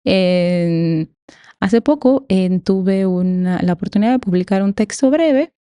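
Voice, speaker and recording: A woman's voice: medium pitch, lively intonation, unhurried, dark tone, clean tone, no echo, clean studio sound. A woman with a Mexican Spanish accent explaining ideas conversationally as an academic podcast guest, emphatic and given to rhetorical questions.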